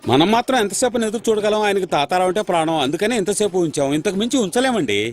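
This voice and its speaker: A practical, pushy relative in a film who talks briskly and persuasively, in a fairly high voice at a quick pace. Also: male voice, lively intonation, soft background music. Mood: urging. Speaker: relative arranging a funeral. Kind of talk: film dialogue.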